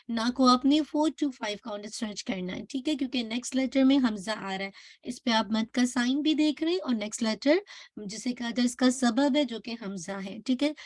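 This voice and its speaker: A woman giving an online tajweed lesson, patiently repeating words slowly to drill pronunciation. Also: fairly high pitch, dry recording. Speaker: Quran recitation teacher.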